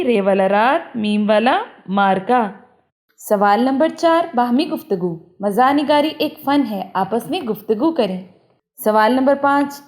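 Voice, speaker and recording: A woman, working through a textbook exercise as a teacher and reading word lists aloud clearly and deliberately. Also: fairly high pitch, a little mellow.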